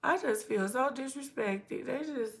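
A woman hosting a casual live stream from home, chatting to viewers and to her houseplants. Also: high-pitched. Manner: slow, chatty, talks to her plants and to viewers reading comments.

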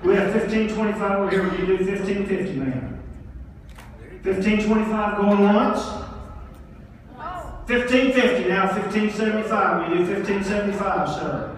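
A man working as a charity auctioneer, calling out bids briskly and coaxing the crowd to raise them. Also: sits high. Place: large hotel ballroom. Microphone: handheld mic, filmed from far back. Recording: echoey ballroom from far off.

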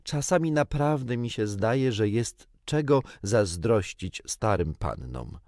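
A man's voice: fairly low pitch, sing-song, a little mellow, no echo, studio quality. A man voicing a young girl who plays mother, scolding and fussing over the children. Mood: fussy. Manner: fussy, scolding, brisk. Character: motherly girl playing house.

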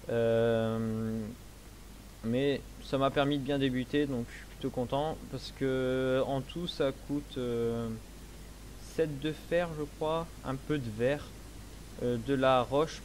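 A young man in a casual let's play, explaining his game setup slowly with many hesitations, speaking into a headset. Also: medium pitch, darkish tone, a little hiss or hum. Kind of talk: casual gameplay commentary.

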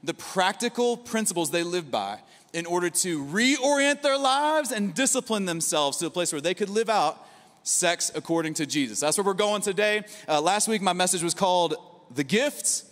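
A man in his thirties preaches from a large auditorium stage, holding a handheld mic. His voice sits high for a man, and his conversational delivery is full of asides. The sound carries a long hall reverb. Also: moderate pace. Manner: energetic, conversational preaching with asides and rhetorical "right?". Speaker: pastor. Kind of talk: sermon.

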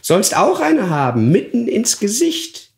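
A man voicing a hunched, spiteful old witch in a fairy tale reading, with a croaking, hoarse voice and drawn-out sing-song mutters. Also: sits high, huge pitch swings, voice pushed up, full character voice. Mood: menacing.

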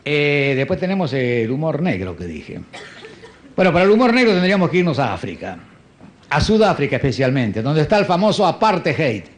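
A man performing a stand-up comedy monologue in a dry, understated deadpan manner. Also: fairly high pitch, a little fast. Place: stage before a live audience. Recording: live show with audience and faint noise.

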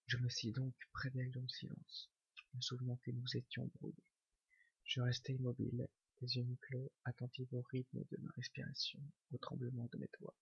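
Breathy whispering man reading aloud. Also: mid-range voice, no echo. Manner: slow, hushed, breathy whisper. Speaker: ASMR reader. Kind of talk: whispered ASMR reading of a novel. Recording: dull lo-fi recording.

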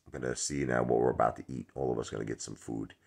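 Very deep gravelly New man. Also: steady tone, fast talker, a little mellow. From Brooklyn, New York. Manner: rambling, chatty, many fillers. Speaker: stock vlogger. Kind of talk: casual chat to camera. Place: dark indoor room. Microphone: phone at arm's length.

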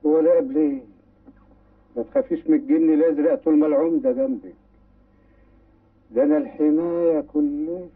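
An actor playing a blustering, sly village mayor with an Egyptian accent in an old film. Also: male voice, a little high, steady tone, fairly quick, pauses often, dry recording, natural voice. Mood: coaxing. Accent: Egyptian Arabic. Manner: bossy and blustering, then smoothly coaxing. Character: pompous, sly village mayor, middle-aged man. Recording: tinny, distant old film soundtrack.

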